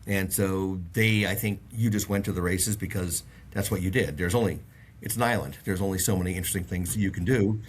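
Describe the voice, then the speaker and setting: A middle-aged man from the Bahamas speaks briskly in a low-pitched voice, with a little hiss or hum present. As an auto industry guest in a casual interview, he tells long, rambling stories marked by frequent fillers and restarts.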